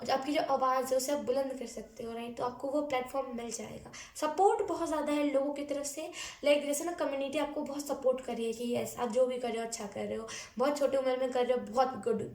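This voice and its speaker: A woman's voice: sits high, reverberant. A woman giving a casual pick-a-card tarot reading, chatty and full of fillers, often mixing English into her talk. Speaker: tarot reader.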